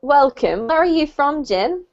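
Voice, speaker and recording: A woman's voice: high-pitched, sing-song, measured pace, dull audio. A woman teaching a live online English class, chatty and speaking straight to her students over a video call.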